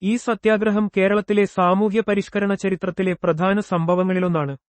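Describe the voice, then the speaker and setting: A man reading exam prep questions, each followed by its answer and a short explanation, in a steady recited pattern. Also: high-pitched, normal speed, dry recording. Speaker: exam coach.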